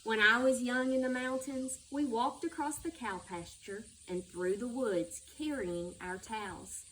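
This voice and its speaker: The reader is a school superintendent sharing a children's book aloud, her slightly high voice fairly bright and her pace measured. Background noise comes through the distant microphone.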